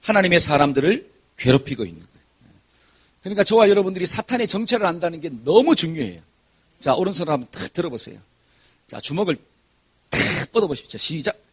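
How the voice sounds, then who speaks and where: A male pastor delivers a sermon in a high, animated voice with a husky edge. He preaches in call-and-response fashion, throwing questions to the congregation and answering them himself.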